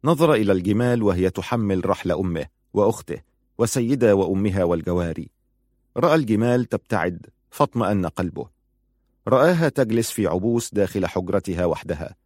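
A man narrating a novel in measured storytelling. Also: fairly low pitch, animated, darkish tone, no room sound, studio quality. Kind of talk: audiobook narration.

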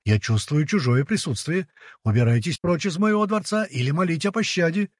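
Guy doing a hysterical blustering sea god, high and husky, screaming threats, audiobook. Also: animated, brisk, darkish tone, dry recording, clean studio sound. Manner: shrieking threats.

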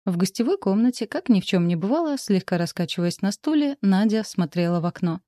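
A woman narrating a story in a steady, even storytelling manner. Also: medium pitch, a little fast, no room sound, studio quality.

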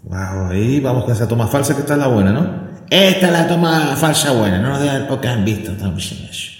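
A man hosting a podcast in loose, rambling chat. His voice sits at a middle pitch and rings through a roomy space with a long reverb tail. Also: lively intonation, fast. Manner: chatty, sings along off-key. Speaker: podcast host. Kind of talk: casual chat. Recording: echoey room with long reverb.

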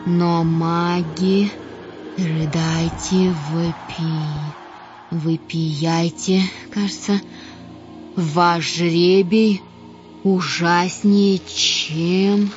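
A woman voicing a prim middle-aged merchant-witch who flares into shrill, shrieking abuse in an audiobook. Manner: prim, flaring into shrill market-woman yelling. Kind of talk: audiobook voice acting. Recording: dull lo-fi audio with music underneath.

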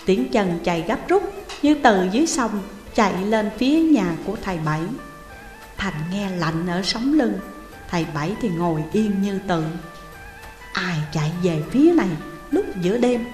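A woman's voice: medium pitch, darkish tone. A woman, narrating a story steadily and dramatically. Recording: roomy reverberant room, faint music.

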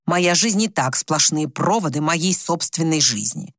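A woman voicing a tired, bitter older husband who speaks slowly and low in an audiobook story. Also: lively intonation, no echo, clean studio sound, heavily acted. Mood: weary. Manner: tired, slow, low and resigned.

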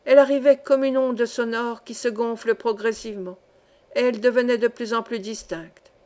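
A woman reads a classic adventure novel aloud as an audiobook. Her narration is steady and goes phrase by phrase, in a fairly high voice. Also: moderate pace. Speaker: audiobook reader.

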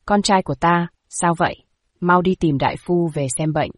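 A tearful old noblewoman in a storybook drama, wailing and scolding in a shrill, rising voice, as a woman reads her part. The voice sits low overall and is recorded close and dry, with no room around it. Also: moderate pace, no echo, close to an everyday voice. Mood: anxious. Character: grieving old noblewoman, wailing and doting mother.

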